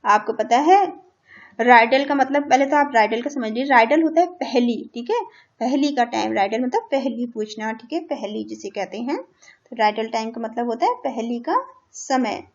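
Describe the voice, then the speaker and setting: A woman teacher with an Indian accent who spells words out letter by letter for young children, stretching out English phrases very slowly. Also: a little high. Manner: spells words letter by letter, says "theek hai" after each point. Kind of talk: school lesson for young children. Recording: muffled lo-fi recording.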